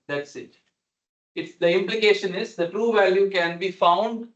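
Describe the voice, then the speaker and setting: Male lecturer, slightly high voice, didactic question-and-explain delivery, dull lo-fi video call audio. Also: a bit bright. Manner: didactic, repeats and checks understanding. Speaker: lecturer teaching numerical methods. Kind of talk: explanatory online class, questioning students. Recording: dull, lo-fi online meeting audio.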